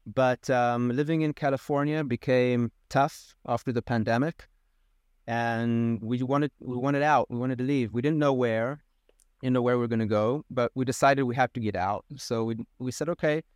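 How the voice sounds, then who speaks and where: A man in his thirties who grew up in Israel, a podcast guest explaining his work in a relaxed, plain way. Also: mid-range voice, moderate pace, smooth, no room sound, clean studio sound. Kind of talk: casual interview conversation.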